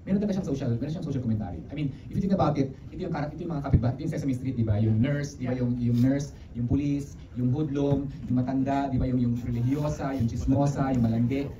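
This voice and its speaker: A Filipino-accented middle-aged man fields press questions as a director, talking extremely fast and switching between Filipino and English. He sounds distant in a roomy hall, with clear background noise and a dull, lo-fi sound. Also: medium pitch. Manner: rapid, animated, mixing English into Filipino, many restarts. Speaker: film director. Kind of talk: press conference answers. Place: media conference room.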